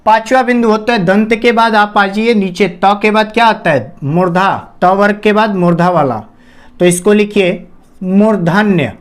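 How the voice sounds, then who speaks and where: A man's voice: high-pitched, clean tone. Man teaching, asks the class and answers himself. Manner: drills sounds slowly with repetition. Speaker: Hindi teacher. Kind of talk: classroom lecture.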